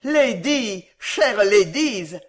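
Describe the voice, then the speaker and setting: A woman voicing a flustered elderly gentleman who pleads loudly and desperately to be heard. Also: medium pitch, sing-song, unhurried. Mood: pleading.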